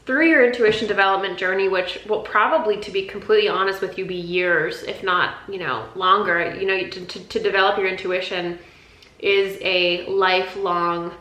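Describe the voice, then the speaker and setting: A woman with a bright, forceful voice talks through a spiritual lesson in a loose, conversational way, often repeating herself and restarting sentences. The sound is roomy and echoey, as if recorded in a bare room. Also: mid-range voice, fairly even intonation, moderate pace. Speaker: intuition teacher. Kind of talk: casual spiritual teaching talk.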